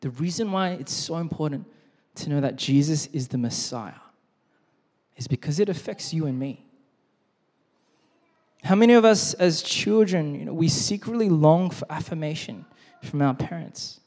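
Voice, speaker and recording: A man preaching a sermon as pastor, earnest, repeating key phrases and slowing down to read scripture. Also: on the high side, dark tone. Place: church hall. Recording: long reverb in a large hall.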